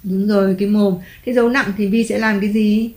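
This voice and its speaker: A mother patiently teaching her child letters and tone marks at home, slowly drawing out the spelling and praising often. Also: medium pitch, fairly even intonation, a little mellow. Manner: patient, encouraging, drawn-out spelling. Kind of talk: home reading lesson for a child. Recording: echoey room, faint background music.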